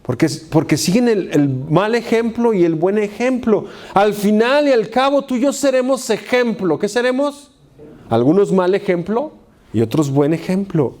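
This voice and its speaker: A man's voice: high-pitched, darkish tone. A male pastor preaching a sermon and leading a prayer, calling on the congregation to repeat key words back to him.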